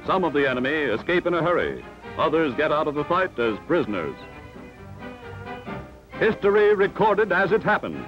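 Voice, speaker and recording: This man's fairly high voice is very animated, moderately paced, and broken by long pauses as he narrates a 1940s newsreel with dramatic emphasis. Loud music fills the dull, lo-fi soundtrack.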